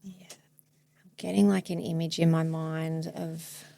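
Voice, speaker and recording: A woman in her forties, a therapist hosting a podcast, speaking thoughtfully and searchingly in a soft, reflective way. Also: low voice, level tone, measured pace, gravelly, dry recording. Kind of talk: reflective therapy demonstration chat.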